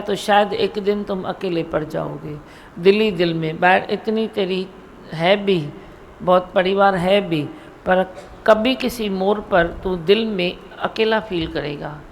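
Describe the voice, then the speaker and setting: A woman's voice: mid-range voice, poor audio. An older woman giving a devotional discourse as a spiritual leader, teaching earnestly and repeating her points with quoted verses. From India. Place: hall during a satsang gathering. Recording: faint background noise.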